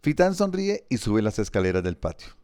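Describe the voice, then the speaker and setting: A man narrating an audiobook in a measured, vivid storytelling manner. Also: on the low side, big pitch swings, darkish tone, clear, resonant tone, no room sound, clean studio sound.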